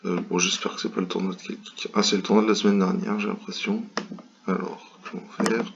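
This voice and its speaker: Man from France, deep voice, hesitant casual commentator of bridge games, muffled home mic. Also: little pitch movement, brisk, gravelly, a little hiss or hum. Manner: hesitant, many fillers and restarts.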